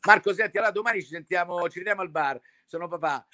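A man voicing an excitable Italian dad leaving a loud, rushed voicemail for his son. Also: sits high, background noise, voice pushed up, natural voice. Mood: fussy.

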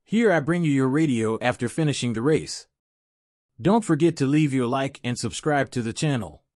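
A man's voice: medium pitch, moderate pace, darkish tone. A man reading scripted narration as the narrator of an online channel.

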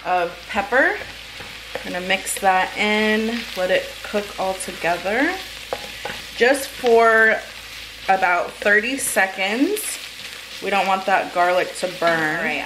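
A woman in her thirties talks viewers through a recipe at a medium pitch. She speaks casually, as a home cook does on a vlog. Frying and stirring noise runs behind her in the kitchen. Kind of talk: casual cooking instruction to viewers. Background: sizzling food, stirring.

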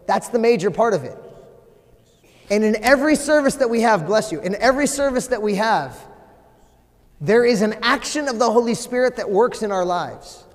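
A man preaches in a big sanctuary, his fairly high voice ringing with long church reverb. He is animated, swinging between loud emphasis and a near-whisper. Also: moderate pace. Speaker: priest. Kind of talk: sermon. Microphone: far camera, no visible mic.

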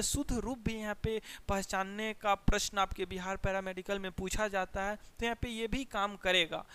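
Young male Bihari Hindi tutor, high bright-toned clear voice, repetitive, quiz-style delivery. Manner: energetic, repeats phrases and quizzes students. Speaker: teacher. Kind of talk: exam prep lesson.

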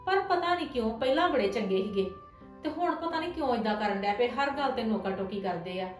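A woman's voice: a little high, lively intonation, roomy sound, soft background music, close to an everyday voice. A woman acting a young wife who feels wrongly blamed, speaking in a pleading, defensive way. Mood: hurt. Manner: pleading and defensive, quick talk. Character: hurt young wife, earnest and tired of blame. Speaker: daughter-in-law in a family drama. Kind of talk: scripted domestic drama acting.

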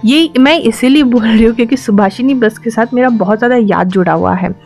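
A woman's voice: fairly high pitch, fairly quick, a little mellow, soft background music. A young woman from the Andaman Islands, a travel vlogger giving a chatty, explanatory voice-over for a road trip and mixing English words into her speech.

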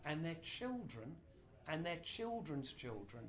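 A middle-aged man speaks slowly in a slightly high, somewhat bright voice with big pitch swings. He's delivering an informal history talk in a small indoor room, gesturing broadly while he explains.

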